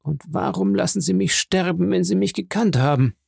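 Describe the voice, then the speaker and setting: A man's voice: high-pitched, moderate pace, gravelly, darkish tone, husky, no room sound, studio quality, pitched above the performer's own voice, exaggerated voice. A man voicing a dying, bitter man who cries out in anguish, reading an audiobook. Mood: bewildered.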